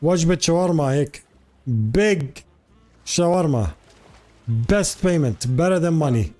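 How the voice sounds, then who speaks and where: Jordanian man streaming with mellow voice. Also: on the high side, moderate pace, soft background music. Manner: playful, boastful banter switching between English and Arabic. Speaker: game streamer. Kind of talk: casual live-stream chat.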